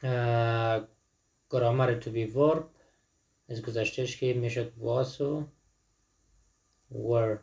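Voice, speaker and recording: A man explains an English textbook lesson in a mid-pitched voice. He slows down and draws out each English word before he translates it. He often asks the listener a question and then answers it himself. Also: fairly even intonation, a little mellow. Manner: says English words slowly and translates each into Dari. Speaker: English teacher.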